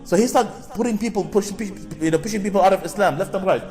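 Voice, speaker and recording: A man's voice: high-pitched, rapid-fire, darkish tone, faint music behind. A man giving a public talk, often posing rhetorical questions, repeating and restarting phrases, and drawing answers from the audience. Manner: repetitive, with frequent restarts; draws responses from the audience. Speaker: lecturer.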